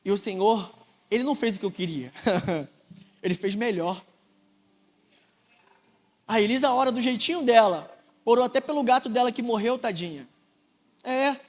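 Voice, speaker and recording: A man's voice: very high-pitched, animated, normal speed, pauses often. A young man with a Rio de Janeiro Brazilian accent preaching a sermon, telling earnest personal stories with rising emphasis. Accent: Brazilian Portuguese, Rio de Janeiro. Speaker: deacon preaching. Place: large church hall. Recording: long church reverb.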